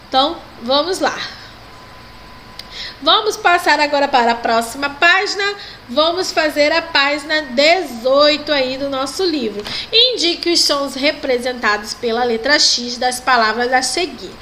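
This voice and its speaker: A woman with a Brazilian Portuguese accent teaches a recorded primary school lesson, stretching out example words and checking in with the children. Her voice sits high and bright. A faint hiss of noise runs under the recording. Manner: slow, patient, drawing out example words and checking with "ok?" and "né?". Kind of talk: recorded online class correcting textbook exercises.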